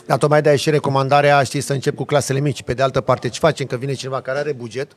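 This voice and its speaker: A man, a podcast guest, telling a lively story in a casual chat with vivid sound effects. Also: mid-range voice. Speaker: podcast guest, off-road driver.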